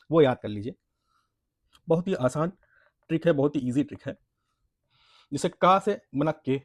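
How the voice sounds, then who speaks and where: A man's voice: on the high side, dry recording, clean studio sound. Man teaching syllables, repeating himself. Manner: repeats points, asks and answers own questions, says "friends" often; spells out syllables slowly for practice. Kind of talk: exam-prep Hindi lesson.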